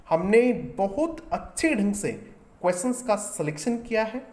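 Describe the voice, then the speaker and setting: A man's voice: fairly high pitch, a little mellow. Male teacher, slightly raised voice, walks through each answer step by step and quizzes the class. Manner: explains step by step and keeps asking the class questions. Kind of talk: exam paper solution lesson.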